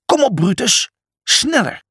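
A man's voice: very high voice, sing-song, slow pace, a bit bright, husky, dry recording, clean studio sound, pitched above the performer's own voice, heavily acted. A man voicing an anxious, cautious male zebra who pleads with his brother. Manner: worried and pleading.

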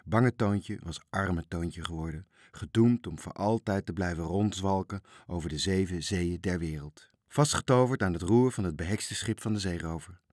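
A man narrating a children's storybook aloud, reading expressively and slowing down at the sad moments. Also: sits low, darkish tone, no room sound, studio quality.

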